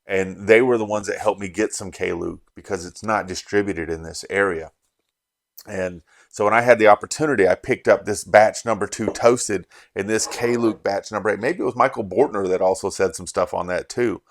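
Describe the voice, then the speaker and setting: In a casual vlog recap, a middle-aged Las Vegas man who runs a bourbon channel goes back over an event, heartfelt and rambling, frequently starting his sentences over. He talks at a moderate pace in a lowish voice.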